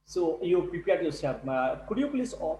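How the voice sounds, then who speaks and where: A male tutor running an online speaking class, halting and repeating words. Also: fairly high pitch, sing-song, dark tone, echoey room, a little hiss or hum, poor audio. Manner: halting, repeats words, non-native English. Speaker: English test tutor. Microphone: video call.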